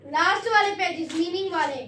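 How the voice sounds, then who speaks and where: A woman teaching an Urdu class, scolding students strictly and reading verse lines slowly. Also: very high voice, bright, forceful tone, reverberant, far from the mic, a little hiss or hum. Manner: slow drawn-out verse reading. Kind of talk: classroom lesson.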